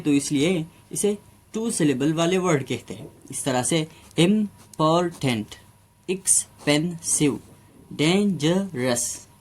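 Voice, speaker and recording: A man gives a grammar lesson. He works slowly and deliberately, stretching words out syllable by syllable and pausing on fillers. His voice sits a little higher than most men's. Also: darkish tone. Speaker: English grammar teacher.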